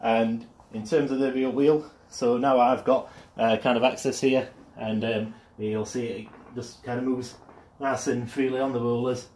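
His mid-range, darkish voice comes out flat and a little slow as he casually demonstrates a product in his garage. The man films on his mobile phone, the room is echoey, and his talk is hesitant and full of ums and uhs.

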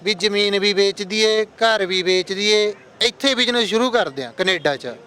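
A young man with a Punjabi accent chats earnestly outdoors on a street, explaining his views to an interviewer in casual conversation. His voice sits high and bright, pushed yet clear and resonant, at a normal speed. He addresses his friends as brother.

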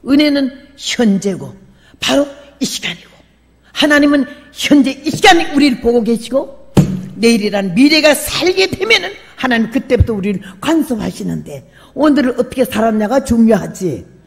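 An older woman missionary giving a sermon, telling folksy stories with humor and bursting into loud emphatic calls. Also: a little high, lively intonation, normal speed, creaky. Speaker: missionary preacher. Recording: long hall reverb.

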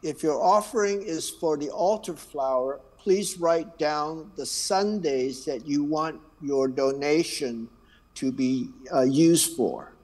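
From the front of a church sanctuary, a man whose first language is Chinese slowly reads announcements and leads the call to worship. His voice is a little high and mellow, his manner unhurried and friendly with small asides, though the recording quality is low.

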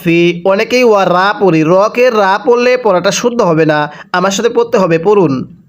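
A man with a Bangladeshi Bengali accent teaching Quran reading, spelling out each syllable and then chanting the joined words slowly. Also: high-pitched. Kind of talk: slow spelled-out recitation lesson.

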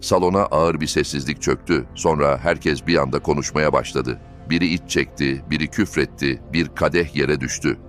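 A man reading a dramatic family story as narrator, in an even storytelling manner. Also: rumbling low, normal speed, few pauses. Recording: faint background music.

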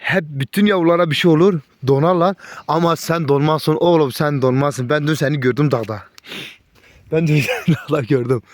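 A man's voice: on the high side, fairly quick, dry recording. A man chatting casually outdoors in the snow, talking affectionately to his puppies and the camera. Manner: affectionate baby-talk to puppies. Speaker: dog breeder vlogger. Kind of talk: casual chat with animals.

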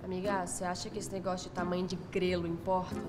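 A woman's voice: lowish voice, flat delivery, quick pace, in a large hall, loud music behind the voice. A woman acting in a comedy sketch with a boastful, mock-defensive manner and a Brazilian Portuguese accent.

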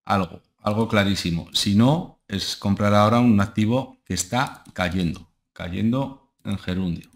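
Gravelly and a little slow, with few pauses, this young Spanish man's low voice carries a rambling screen-share tour of market charts. He analyzes stocks and hosts a channel, speaks from a room at home, and leans heavily on ¿eh? and ¿vale?.

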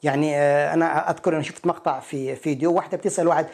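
Quick-talking husky male teacher. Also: a little high, fairly even intonation, darkish tone. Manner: explains, repeats each word slowly. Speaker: English teacher. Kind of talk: pronunciation lesson.

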